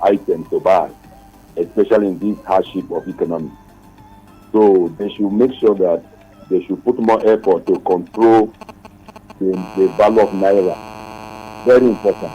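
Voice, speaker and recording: A man's voice: sits low, steady tone, moderate pace, long pauses, faint music behind. A man calling in to a radio talk show, speaking earnestly and repeating his points, his voice muffled as if heard through a wall over a dull phone line. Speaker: caller.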